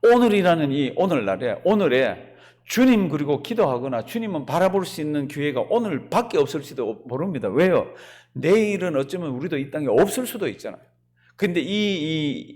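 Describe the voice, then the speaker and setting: A man's voice: on the high side, moderate pace. A male pastor preaching a sermon in a church, asking the congregation frequent rhetorical questions. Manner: animated preaching with rhetorical questions and acted quotes. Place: church sanctuary.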